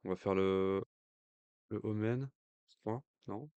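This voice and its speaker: A man's voice: on the low side, takes it slowly, warm tone, clean tone, dry recording, muffled recording. A man with a French accent giving casual live commentary on a card game match, thinking aloud with hesitant fillers. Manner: jokey aside in accented English. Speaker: stream commentator.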